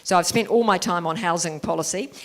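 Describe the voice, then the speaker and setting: A woman speaking as a candidate at a public forum, measured and occasionally pausing on fillers. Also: on the low side. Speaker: mayoral candidate.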